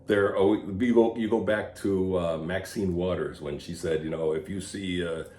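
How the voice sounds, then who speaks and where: A man's voice: deep voice, steady tone, normal speed, a little mellow. A man co-hosting a podcast in casual political chat, blunt and opinionated, chuckling often. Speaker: podcast co-host. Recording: roomy echo, faint background hum.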